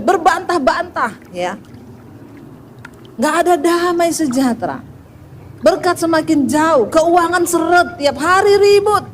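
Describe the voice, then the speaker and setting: A woman's voice: very high voice, slight background noise. A middle-aged woman preacher telling a funny story in her sermon and joking with the congregation. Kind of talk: humorous sermon.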